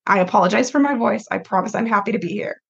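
Hoarse, gravelly-voiced woman with a cold. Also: fast, lo-fi sound. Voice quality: raspy, deep and gravelly. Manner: self-deprecating, laughing. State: hoarse from a respiratory illness. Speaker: podcast guest, lawyer. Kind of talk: casual chat.

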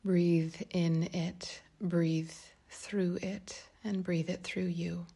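A woman leads a meditation in a low, mellow voice with a soft creak, her breathy tone often thinning toward a whisper. She speaks gently, calmly and unhurriedly, leaving long pauses between phrases. Her melody stays very even throughout.

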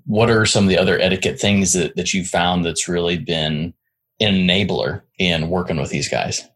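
A man's voice: sits low, fairly even intonation, normal speed, a bit bright, husky. A man hosting a conversational interview, talking in a rambling way with many restarts and frequent "right?" tags. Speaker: podcast host.

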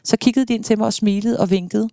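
A woman's voice: mid-range voice, steady tone, gravelly, warm tone, no room sound, studio quality. A middle-aged woman, a podcast guest, telling personal stories earnestly in a casual conversation. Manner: earnest storytelling.

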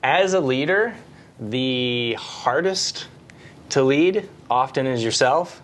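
Measured man stressing key phrases. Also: medium pitch, lively intonation, fairly bright tone. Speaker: podcast co-host. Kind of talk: casual leadership podcast chat.

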